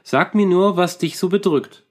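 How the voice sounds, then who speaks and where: A man reading a storybook, voicing a bold young man who speaks up loudly. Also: high voice, normal speed, voice pushed up. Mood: pleading. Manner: raised, blustering when annoyed.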